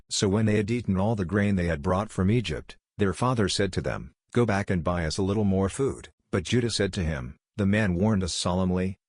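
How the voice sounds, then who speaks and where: A man with a very low voice reads scripture aloud in a steady, measured way. His reading stays even, even through the quoted speech. The sound is close and dry, with no room around it. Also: no room sound. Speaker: Bible reader.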